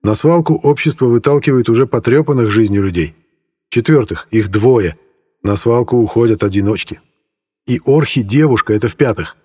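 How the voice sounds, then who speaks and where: A man narrating an adventure story in an even storytelling manner. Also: medium pitch, moderate pace, husky. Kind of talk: audiobook narration. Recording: long reverb.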